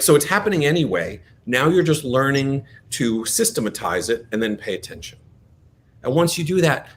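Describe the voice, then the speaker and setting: A man teaching a breathing exercise, giving gentle step-by-step guided instructions in a coaxing manner. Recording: noisy background with low rumble.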